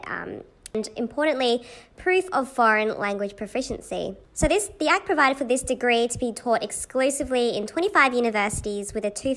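A young woman presenting a study topic in a casual vlog, reading out points with brief pauses. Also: a little high, a bit bright.

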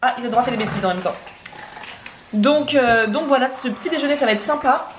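With background noise behind her, a young woman speaks at a quick pace in a slightly high voice. As a chatty vlogger co-host in her home kitchen, she talks to camera and explains breakfast while cooking.

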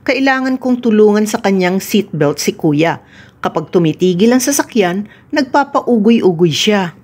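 A woman reading a children's picture book aloud in a gentle, expressive storytelling voice. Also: medium pitch, unhurried, breathy edge. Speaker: storybook reader.

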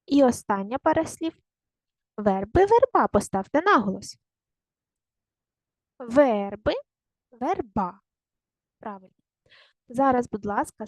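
A woman teaching a primary school language lesson online, speaking slowly and carefully and repeating words to show their stress. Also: a little high, darkish tone, no echo.

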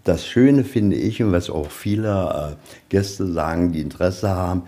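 A man with a very deep, mellow voice leads visitors on an informal museum tour, explaining things conversationally and rambling a bit. He takes his time.

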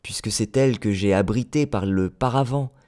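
A man's voice: fairly low pitch, moderate pace, warm tone, close to an everyday voice. A man doing an earnest little boy prince. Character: gentle small boy prince, earnest and wondering.

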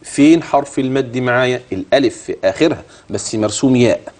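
A middle-aged man with an Egyptian Arabic accent teaching tajweed on a TV lesson, quizzing the viewer and modeling slow chanted recitation. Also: medium pitch, a little mellow.

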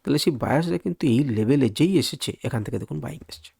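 A man's voice: fairly high pitch, animated, racing, vocal fry, darkish tone, breathy edge, no echo, studio quality. A man giving a lesson on market charts, asking questions and answering them himself as he walks through each point. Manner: explanatory, asks and answers his own questions. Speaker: stock market analyst.

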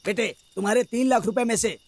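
A man's voice: high voice, fast talker. A man playing a crafty, money-minded church priest who pleads and then preaches slyly. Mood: sly preachy. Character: crafty greedy middle-aged male church priest. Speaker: church father. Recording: film soundtrack with background noise.

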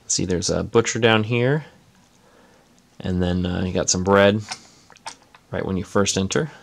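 A man with a deep voice, vocal fry, and a little hiss or hum in the recording shows off his toy-brick model from off camera. He's an adult parent at a table indoors, casually listing items with many fillers.

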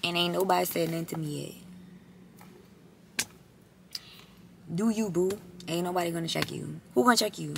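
Raspy, hoarse young woman vlogging. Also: lowish voice, moderate pace, pauses often, slight background noise. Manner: sassy, playful, slangy. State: hoarse, clearing her throat. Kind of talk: casual vlog chat to camera.

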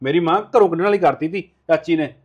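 Casting: man as resentful, insistent husband, somewhat high voice. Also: fast talker, muffled recording, a crowd in the background, lightly acted. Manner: lecturing, insistent. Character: stern husband, resentful of his aunt.

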